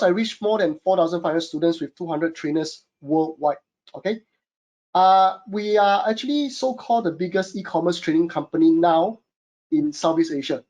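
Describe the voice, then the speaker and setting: His voice sits on the high side and is a little mellow, with the highs cut off in the recording. He's a Singaporean man with a Singaporean English accent, an e-commerce consultant hosting a webinar from home in a chatty, filler-heavy style that keeps calling listeners "guys."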